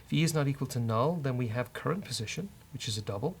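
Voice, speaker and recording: A man with a mid-range, expressive voice talks fast as he hosts a casual live coding walkthrough for a programming show. He thinks aloud, jokes, and banters with his co-host while he works. There's a little hiss or hum in the audio.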